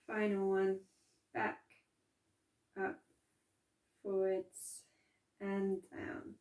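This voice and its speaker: Slow, calm woman guiding a grounding exercise. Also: medium pitch, gravelly. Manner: calm, gentle, unhurried instruction with soft pauses. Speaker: meditation and movement instructor. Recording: roomy echo, distant from microphone.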